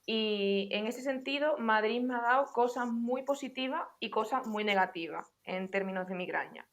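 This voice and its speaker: A young adult woman co-hosting a casual podcast, explaining points in a clear, organized way. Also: on the high side, moderate pace. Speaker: podcast co-host.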